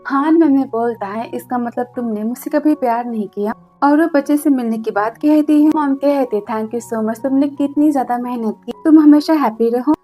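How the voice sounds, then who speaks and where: A woman's voice: sits high, a little mellow. A woman narrating a drama recap in a casual storytelling style, retelling scenes in a chatty running account that quotes each character in turn.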